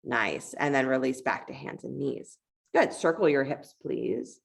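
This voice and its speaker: This yoga teacher talks her class through the poses one step at a time, warm and encouraging. She speaks a little slowly, her creaky voice sitting at an extremely low pitch.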